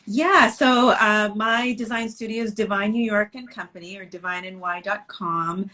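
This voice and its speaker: A middle-aged Canadian woman who owns a business chats casually in a video-call interview. Her voice is medium-pitched and sharp in tone, moving at a moderate pace, and her speech is full of fillers and restarts.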